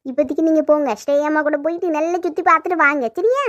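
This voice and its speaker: A woman voicing a sharp-tongued, teasing young woman in a cartoon, firing back quick mocking retorts. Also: sits high, steady tone, no echo, lightly acted. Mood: sassy. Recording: dull lo-fi sound.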